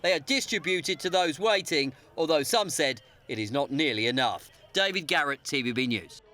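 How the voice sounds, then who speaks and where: Male reporter, pretty high voice, measured formal news voiceover. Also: lively intonation, sharp tone.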